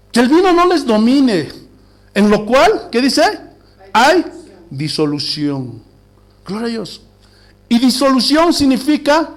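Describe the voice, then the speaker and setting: High-pitched, animated male preacher. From Bolivia. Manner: preaching with rhetorical questions to the congregation. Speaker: pastor. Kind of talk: sermon.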